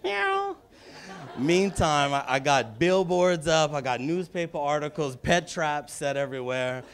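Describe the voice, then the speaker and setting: A man's voice: fairly high pitch, moderate pace. A man, performing stand-up on a comedy club stage and telling brash, punchy stories. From Louisiana, USA. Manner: brash, storytelling, punchy asides.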